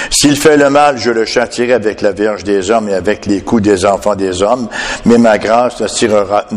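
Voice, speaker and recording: A man's voice: lowish voice, big-room sound. A man preaching a sermon emphatically, often tagging his points with a questioning "hein?". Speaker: pastor.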